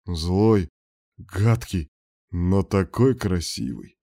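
A man's voice: medium pitch, normal speed, warm tone, natural voice. A man reading an audiobook voices a whiny, wheedling young man who pleads and teases. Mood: whiny pleading.

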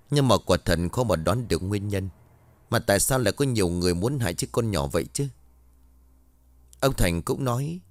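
A man reading a village ghost story aloud in a steady, even narration. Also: on the low side, no echo.

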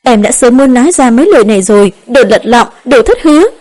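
A woman narrator voicing a lively young woman who scolds and teases her lover in an audiobook. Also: on the high side, fast talker. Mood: reproachful.

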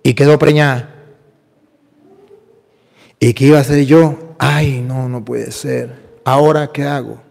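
A man's voice: medium pitch, fairly even intonation, unhurried, creaky, long pauses, darkish tone, voice pushed down. A man voicing a tormented middle-aged man who insists his sin cannot be forgiven, despairing and pleading, recorded with a long hall reverb. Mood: confessing.

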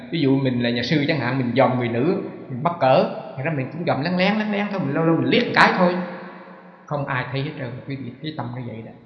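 A monk giving a conversational sermon, often asking his listeners rhetorical questions and using homely, humorous examples. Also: medium pitch. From Vietnam. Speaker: Buddhist monk giving a dharma talk. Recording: reverberant dull hall recording.

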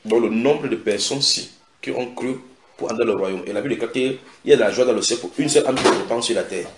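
A man's voice: mid-range voice, fast, heavy background noise. Man preaching in an echoey hall. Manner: dramatic retelling of scripture with sudden shouted quotes; asks the audience direct questions. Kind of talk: sermon. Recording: echoey room.

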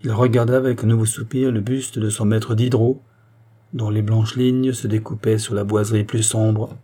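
A man narrating a novel as an audiobook, with a measured, even delivery. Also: lowish voice. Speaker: audiobook reader.

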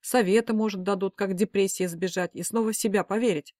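A woman's voice: mid-range voice, steady tone, fast talker, a little mellow, no echo, clean studio sound, close to an everyday voice. A woman voicing a worried middle-aged mother who scolds and pleads emphatically. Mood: urging.

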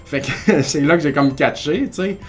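A man with a Québécois French accent, hosting a podcast and telling a story in a casual, animated way, acting out what people said. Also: on the high side, normal speed, soft background music. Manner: animated, acts out quoted voices. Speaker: podcast host.

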